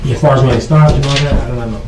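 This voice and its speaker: A man's voice: medium pitch, steady tone, rapid-fire. A jittery man being questioned by police as a suspect, answering defensively and often repeating and restarting his phrases. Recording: echoey room, distant mic, faint noise.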